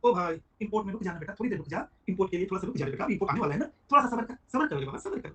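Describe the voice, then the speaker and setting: A man teaching a live online tax class, talking quickly and calling on students by name. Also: sits high, expressive, fairly bright tone, breathy edge. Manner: rapid, chatty, addresses students by name. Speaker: GST teacher.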